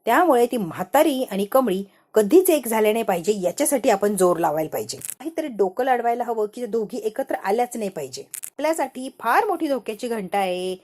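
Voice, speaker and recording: A woman's voice: on the high side, expressive, a little fast, darkish tone. A woman voicing a scheming older woman who broods over her failed plots. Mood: brooding. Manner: resigned, brooding. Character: scheming older woman villain, gloomy and calculating.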